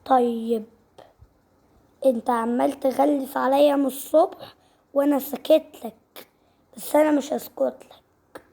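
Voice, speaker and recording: A high-pitched woman with an Egyptian Arabic accent and a gravelly, creaky edge runs a casual game-movie channel. She voices every part herself, lively and full of repeated lines. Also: a little slow, pauses often. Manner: lively, repeats phrases over and over. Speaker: channel host voicing game characters. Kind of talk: casual game-movie role-play narration.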